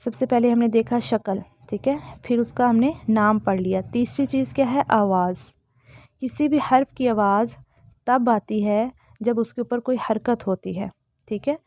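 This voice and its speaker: A woman's voice: fairly high pitch, fairly even intonation, a little mellow, dry recording, studio quality. A woman with a Pakistani Urdu accent giving an online lesson, patiently explaining Arabic letters and voicing each letter sound aloud. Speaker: Quran recitation teacher.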